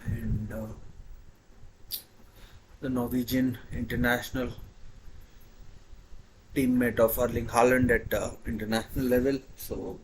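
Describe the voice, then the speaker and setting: Guy doing live football watchalong, anxious fan, halting and repeats himself, bit of background noise. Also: mid-range voice, level tone, poor audio. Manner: halting, hesitant delivery. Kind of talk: live penalty shootout commentary.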